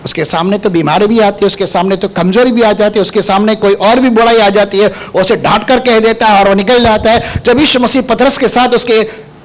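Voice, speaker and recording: A male pastor preaching to his congregation with a high voice for a man. He asks rhetorical questions and waits for the congregation to answer. He repeats phrases to drive each point home. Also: steady tone, brisk, fairly bright tone. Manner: emphatic repetition. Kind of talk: sermon.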